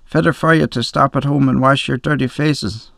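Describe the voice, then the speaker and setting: A man voicing a drunken small boy who shouts belligerent threats in a story reading. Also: mid-range voice, steady tone, normal speed, gravelly, no echo, studio quality, voice pushed up. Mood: threatening. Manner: shouting, slurring defiance.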